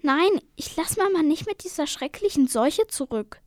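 A caring, anxious young girl twin, as a woman reads her in a storybook. She speaks with feeling in a raised, fairly high voice, close and dry. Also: lively intonation, moderate pace, dry recording. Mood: upset.

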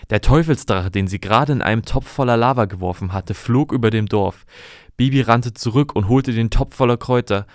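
A man calmly reading a fairy tale aloud in an even storytelling manner. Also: mid-range voice, brisk, dry recording, clean studio sound.

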